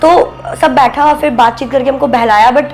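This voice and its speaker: A young woman with a soft, babyish voice, telling a story as a podcast guest and acting out what people said. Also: high-pitched, normal speed, faint music behind. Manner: animated, acts out quoted speech, mixes in English words. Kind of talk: casual spoken storytelling.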